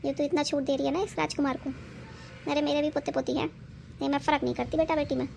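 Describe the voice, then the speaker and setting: A woman's voice: high-pitched, steady tone, quick pace, gravelly, a little mellow, faint music behind. A woman playing a stern, sensible old grandmother who scolds and lectures. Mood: scolding. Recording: noisy background.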